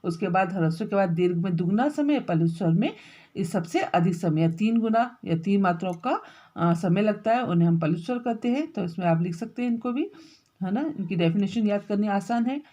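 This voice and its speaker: A woman teacher giving a grammar lesson, dictating notes slowly and repeating words as she writes, with frequent checking tags to her pupils. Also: medium pitch, expressive, warm tone, muffled recording. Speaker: school teacher. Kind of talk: classroom grammar lesson while writing.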